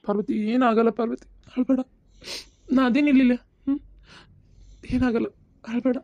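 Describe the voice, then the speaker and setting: A woman's voice: a little high, fairly even intonation, moderate pace, no room sound, close to an everyday voice. A woman voicing a tearful young husband who is devoted to his wife, in a cartoon, with a North Karnataka accent and an earnest, emotional way of talking. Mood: comforting. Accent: North Karnataka Kannada. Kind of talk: cartoon voice acting. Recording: dull lo-fi sound.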